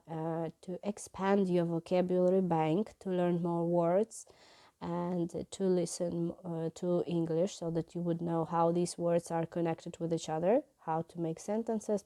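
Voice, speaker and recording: Hesitant, mellow-voiced woman from Ukraine. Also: fairly low pitch, unhurried. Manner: hesitant, many fillers and restarts. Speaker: English teacher and vlogger. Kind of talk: casual vlog talk.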